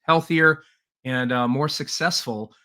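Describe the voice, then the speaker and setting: Measured in pace and sharp in tone, his medium-pitched voice carries the earnest life story of a middle-aged leadership trainer from Taiwan. As a podcast guest in a relaxed interview, he fills pauses with "uh" and adds light laughs.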